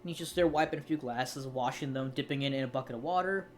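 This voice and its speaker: A casual tabletop game master narrating over voice chat at a middle pitch, with a faint hiss of noise underneath. The delivery is loose and rambling, full of "uh" and "like" as the scene gets described on the fly. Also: fast.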